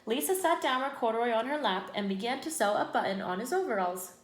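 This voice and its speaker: A woman reading a picture book aloud to young children as an expressive storyteller, in an echoey room. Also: on the high side, fast talker.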